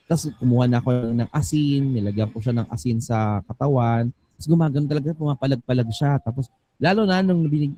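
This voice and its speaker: A young man telling a ghost story live on stage, dropping to a hush and then jumping up in excitement, with English words mixed in. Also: lo-fi sound. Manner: animated, swings between hushed low and excited high; mixes English into his telling. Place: live music venue.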